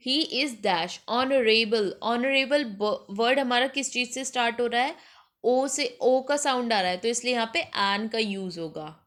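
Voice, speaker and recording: A woman teaching an exam-prep grammar lesson, explaining in Hindi mixed with English and reading example sentences slowly. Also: a little high, fairly bright tone.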